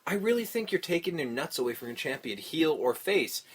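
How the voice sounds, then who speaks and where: A blunt, opinionated man co-hosts a casual podcast chat. His voice is husky and sounds a little stuffed up, and he swears freely as he talks. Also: fairly high pitch, sing-song, a little fast. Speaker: podcast co-host.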